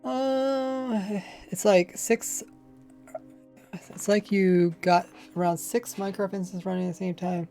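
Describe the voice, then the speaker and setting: Faint music sits under this slow, high-pitched male voice, warm with vocal fry and fairly even in intonation. He's streaming Minecraft, rambling in casual chat as he plays, his words a little mumbled and lazy with a faint accent.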